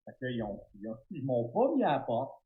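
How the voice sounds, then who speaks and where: A middle-aged man with a Québécois French accent, a guest telling stories in an interview, animated and stumbling over restarts. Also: medium pitch, quick pace, phone-quality sound. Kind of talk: storytelling interview.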